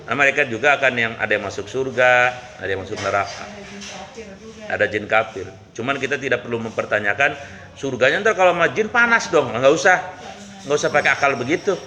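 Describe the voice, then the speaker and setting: A man's voice: mid-range voice, fairly quick, pushed and bright. A male Islamic preacher giving a casual, humorous sermon and asking his listeners questions. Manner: humorous, conversational, asks the audience questions.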